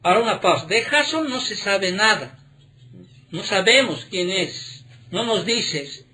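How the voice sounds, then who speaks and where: A male pastor preaching a sermon, throwing rhetorical questions at the congregation and checking in with "¿sí?", stressing key words slowly. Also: high voice, lively intonation, pushed and bright, a little hiss or hum. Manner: emphatic, drawn-out key words.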